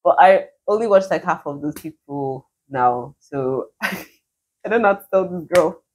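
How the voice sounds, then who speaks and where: Animated low-pitched Nigerian woman, giggly. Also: measured pace. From southeastern Nigeria. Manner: giggly, self-mocking. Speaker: YouTuber. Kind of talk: casual reaction commentary.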